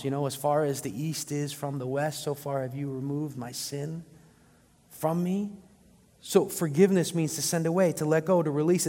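A man's voice: on the high side, creaky, a little mellow, husky. A male pastor preaching a sermon to his congregation, often asking them rhetorical questions. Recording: long reverb of a large hall.

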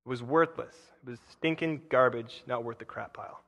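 Rambling preacher with a bright voice in a reverberant hall. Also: male voice, fairly quick, vocal fry. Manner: rambling, self-interrupting, with frequent fillers and restarts; bursts into loud, high emphatic paraphrase. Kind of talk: casual sermon. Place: church.

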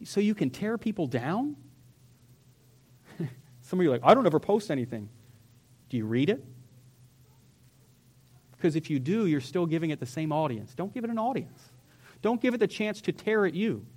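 A man's voice: fairly high pitch, big pitch swings, moderate pace, long pauses, a little mellow, husky. A pastor preaching an earnest sermon in a church, his voice rising and falling for emphasis. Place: church sanctuary.

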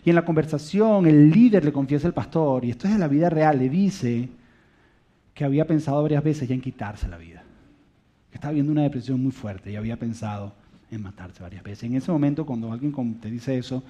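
A man in his thirties or forties preaching a sermon, telling family stories in an animated way and dropping to a soft, quiet voice to stress a point. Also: medium pitch, fairly quick. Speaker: pastor. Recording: dull lo-fi recording.

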